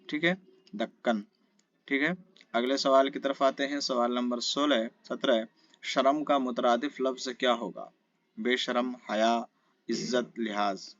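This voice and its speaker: A man's voice: mid-range voice, steady tone, a bit bright, no room sound. Man teaching exam-prep grammar, muffled dry sound. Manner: asks questions and answers them himself, repeats "ٹھیک ہے؟". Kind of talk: exam-prep lesson, reading quiz questions and answers.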